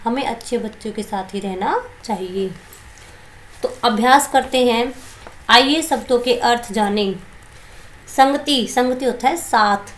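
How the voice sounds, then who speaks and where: A woman primary school teacher explaining a lesson and reading a story to young children in simple, slow explanations. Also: on the high side.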